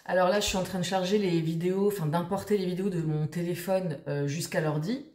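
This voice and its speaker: Woman vlogger, low-ish voice, chatty and rambling; roomy echo. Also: steady tone, fast talker, a little mellow. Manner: chatty, rambling, many fillers and restarts. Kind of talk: casual chat to camera.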